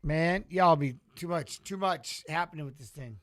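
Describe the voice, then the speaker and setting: A middle-aged man hosting a live fight watch-along, chatty and excitable, talking to the viewers as he calls the action. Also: a little high, moderate pace. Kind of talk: casual live fight commentary.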